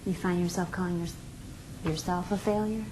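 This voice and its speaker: A woman playing a calm couples therapist in a role play, gently probing and reflecting in a hesitant way. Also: fairly low pitch, normal speed, noisy background, natural voice.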